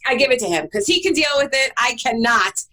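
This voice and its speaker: A woman chatting casually, blunt and animated in the way she tells things. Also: fairly high pitch, fast talker. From Brooklyn, New York. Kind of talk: casual conversation.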